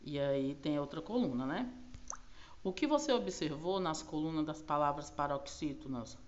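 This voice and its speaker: Brazilian Portuguese woman teacher, very low voice, dull lo-fi recording. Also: animated, darkish tone. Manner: patient, slow over key words, frequent tag questions. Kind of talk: recorded class explanation.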